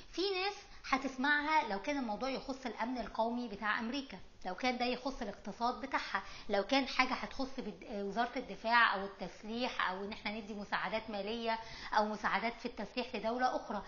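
A middle-aged woman with an Egyptian accent hosts a political explainer video series, talking to camera with informal, emphatic commentary and mixing in English terms. Her voice is on the high side and a bit bright, though the audio is dull with slight background noise.

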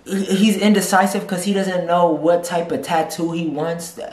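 A man's voice: sits high, steady tone, normal speed, darkish tone. A young man in his twenties hosting a reaction video, brash, mocking and profane as he comments. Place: small room, seated on a couch. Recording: echoey room.

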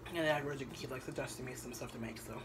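A young man talking casually in a home kitchen vlog, rambling with many pauses and ums. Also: mid-range voice, steady tone, heavy background noise. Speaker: vlogger. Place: home kitchen at night, indoors. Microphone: camera on the counter.

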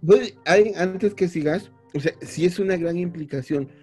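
A man's voice: high voice, normal speed, a little mellow, breathy edge, faint music behind. Hesitant young man. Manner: reflective, hesitant with many fillers. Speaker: podcast co-host. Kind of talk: casual chat.

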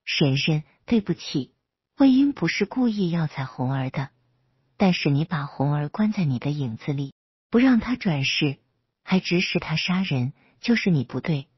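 A cheeky, earnest small boy cultivator from a storybook, prattling on about himself in the third person, as a woman reads him. The voice sits low and husky. It is a dry, dull recording. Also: sing-song, moderate pace, no echo, full character voice.

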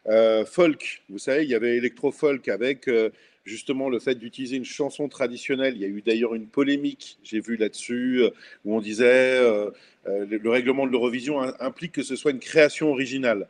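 Speaking slightly quickly in a mid-range voice, this middle-aged guest on a video call was once a local culture official. He is thoughtful and enthusiastic, full of fillers, chatting casually from an indoor room at home over a laptop webcam.

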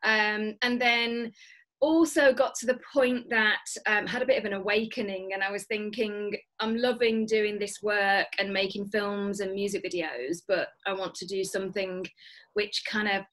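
A woman's voice: mid-range voice, fairly even intonation, moderate pace, a bit bright. A woman, a guest on a video call, talking enthusiastically with many fillers and restarts. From Lancashire, England. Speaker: guest, business founder. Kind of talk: remote interview. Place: dim home room.

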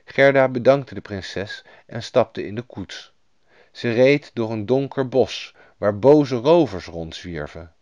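A man narrating a fairy tale in a lively storybook manner, doing the characters' voices himself. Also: mid-range voice, slow, no room sound. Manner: lively storybook reading, voicing each character. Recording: dull lo-fi dry recording.

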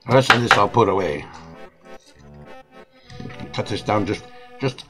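A man's voice: lowish voice, lively intonation, measured pace, rough recording. An older man chatting folksily as he cooks in a home kitchen, with a frying pan sizzling and music playing behind him. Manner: folksy, chatty, with occasional pirate jokes. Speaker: home cooking host. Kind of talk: casual cooking demonstration in pirate costume.

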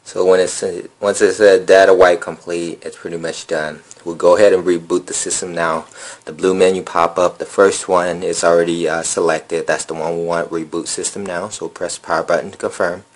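Brisk and low-voiced, a man hosting a phone repair tutorial shows viewers how to reset a phone, step by step. He sits at a table indoors and keeps it relaxed, leaning heavily on ums and uhs.

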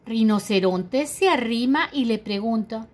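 A woman storyteller reading a children's picture book, her high voice rising and falling with plenty of expression. She takes her time, pausing to ask the little listeners questions. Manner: lively, asks the young listeners questions.

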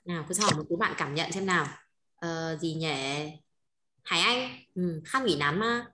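A woman's voice: on the low side, pushed and bright. A woman with a Northern Vietnamese accent teaching a language class, patiently checking in with her students. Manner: patient, keeps checking with quick questions. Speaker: Chinese teacher. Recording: roomy echo.

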